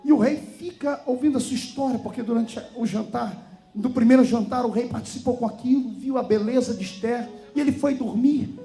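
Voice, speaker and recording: A man with a Brazilian Portuguese accent preaching a fiery sermon, telling a story and swinging between hushed and shouted lines. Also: extremely high pitch, brisk, faint music behind. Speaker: pastor.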